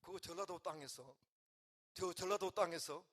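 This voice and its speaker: An older man, a pastor from the region, preaching, swinging between quiet, emotional talk and loud calls to the congregation. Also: high-pitched, normal speed. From Gyeongsang region, Korea. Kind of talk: sermon.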